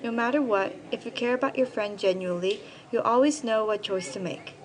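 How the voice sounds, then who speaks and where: A woman's voice: on the high side, a little fast, poor audio. A young teenage girl from Korea reading her own personal essay aloud, in a careful, earnest storytelling manner. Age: young teen. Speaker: student essayist.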